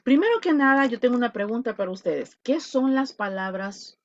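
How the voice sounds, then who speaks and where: A woman teaching an online English class, mixing Spanish and English and drawing out example words. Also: on the high side. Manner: lively, switching between Spanish and English, drawn-out model words. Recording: lo-fi video call audio.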